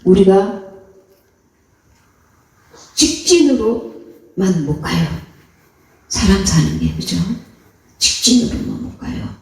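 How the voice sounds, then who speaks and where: A woman's voice: mid-range voice, warm tone, far from the mic. Echoey woman preacher giving a sermon. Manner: earnest, exhorting, acts out quoted voices. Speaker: missionary preacher. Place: church. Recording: echoey hall, voice off-mic.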